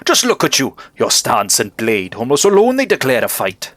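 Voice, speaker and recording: Brief: a swaggering, chivalrous bug knight from a game, high and theatrical, put on by a man reading the lines. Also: huge pitch swings, normal speed, fairly bright tone, no echo. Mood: boastful. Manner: grandiose, old-fashioned heroic speech. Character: boastful gallant male bug knight. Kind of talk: reading game dialogue aloud.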